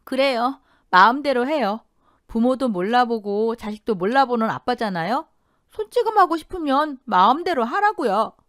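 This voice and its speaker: A teenage girl, tearful yet defiant, acted by a woman in an audio drama. Her voice rides high with lively swings, recorded dry and close. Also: normal speed, no echo. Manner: pleading, defiant. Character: teenage granddaughter, outspoken and tearful.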